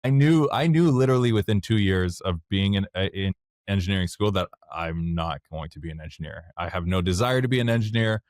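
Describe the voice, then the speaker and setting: Speaking as a guest in a casual interview, a software founder from Montreal, Canada, and a native French speaker, frankly recounts his own past. He has a deep, low voice that's brisk and a little mellow, recorded close and dry with no echo. His manner is plainspoken and candid, and he works his ideas out as he talks.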